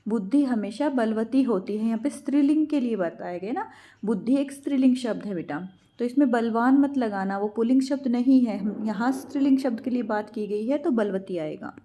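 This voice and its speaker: A woman teacher explains exam answers in a patient, step-by-step way. She poses questions and then answers them herself. Her voice is slightly high but mellow and soft. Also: brisk. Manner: patient, asks and answers her own questions, calls students "beta".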